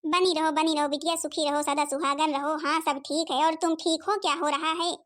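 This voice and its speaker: A woman's voice: high voice, fairly even intonation, moderate pace, fairly bright tone. A woman voicing a stingy, scolding older mother-in-law in a cartoon comedy, nagging constantly. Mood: pleased.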